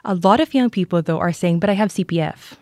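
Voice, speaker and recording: A woman's voice: fairly low pitch, quick pace, a little mellow, dry recording, clean studio sound. A woman hosting a personal finance podcast, reading an introduction and asking questions, with short encouraging acknowledgments. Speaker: podcast host. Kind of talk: scripted introduction and interview.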